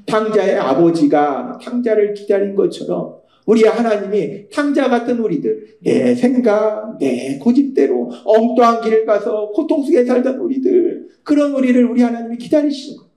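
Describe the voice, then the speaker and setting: A pastor delivers an animated sermon, often putting rhetorical questions to the congregation. His voice sits high for a man but sounds mellow and dark in tone. The sound echoes through the church sanctuary. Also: normal speed.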